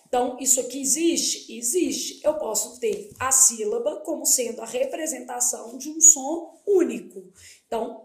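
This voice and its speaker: A Brazilian woman with a high, warm voice teaches a Portuguese exam-prep lesson in an echoey room. She explains things by asking questions and answering them herself.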